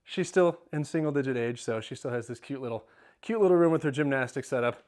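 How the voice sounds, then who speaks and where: Quick-paced and darkish in tone, this mid-range male voice belongs to a middle-aged homeowner showing viewers around his big house in a relaxed tour vlog. Moving between indoor rooms, he rambles, cracks jokes at his own expense and is sometimes short of breath.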